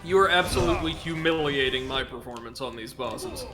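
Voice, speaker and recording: A man's voice: a little high, animated, brisk. Chatty man over game music. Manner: chatty, reads viewer comments aloud. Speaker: host. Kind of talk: casual gaming stream chat. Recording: game music clearly behind. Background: video game music.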